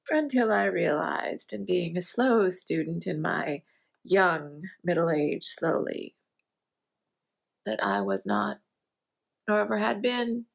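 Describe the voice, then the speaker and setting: A sardonic, self-mocking middle-aged drinker, played by an actress in a stage monologue. She talks slowly and deliberately, with long pauses and a husky, gravelly edge to her voice. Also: mid-range voice, heavily acted. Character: wry hard-drinking middle-aged woman. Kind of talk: theatrical monologue.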